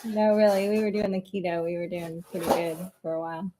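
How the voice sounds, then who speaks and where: A woman's voice: on the low side, background noise. A woman chatting casually at home, laughing easily as she talks. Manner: slow, relaxed, laughs often. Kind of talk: casual chat.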